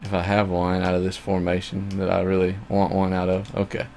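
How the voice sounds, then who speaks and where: A man's voice: low-pitched, monotone, brisk, darkish tone, a little hiss or hum. A man co-hosting a live game stream, talking through his match and poking fun at his own play. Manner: self-deprecating, talks while playing. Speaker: co-host playing a video game match. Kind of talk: casual live-stream chat.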